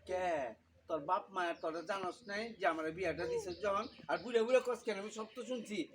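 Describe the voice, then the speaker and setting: A man's voice: sits high, lively intonation, a little fast. A man playing a greedy, bullying old husband. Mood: scolding. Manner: harsh, scolding, shouting. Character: older man, greedy bullying husband demanding dowry money. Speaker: actor. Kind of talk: amateur short film acting.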